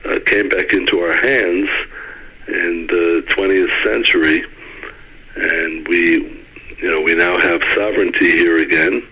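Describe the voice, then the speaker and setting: A middle-aged former mayor from Brooklyn in the United States gives an earnest phone interview, often repeating words as he starts sentences. His voice sits low, sounding pushed, bright and slightly rough, over a rough phone-line recording.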